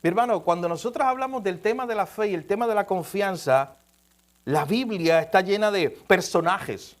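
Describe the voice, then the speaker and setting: A man's voice: high voice, normal speed. A man preaching a sermon, telling a story with emphasis and chuckling at himself now and then.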